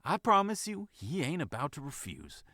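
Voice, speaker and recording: A man voicing an older, motherly female fox who gossips in a hushed, folksy way. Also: fairly high pitch, wildly swooping pitch, normal speed, dry recording, studio quality, pitched above the performer's own voice, exaggerated voice. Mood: scheming.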